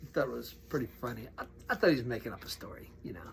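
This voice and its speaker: A middle-aged pastor telling personal stories in an animated way, sometimes dropping to a near whisper. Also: male voice, mid-range voice, very fast, creaky, slight background noise. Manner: animated, acts out quoted voices, drops to a near whisper at tense moments. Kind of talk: storytelling monologue.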